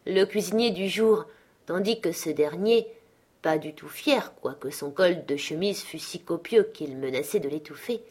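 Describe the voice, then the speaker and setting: A woman narrating a classic story as an audiobook, with a lively, expressive reading. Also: on the low side, a little slow, slightly rough. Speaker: audiobook reader.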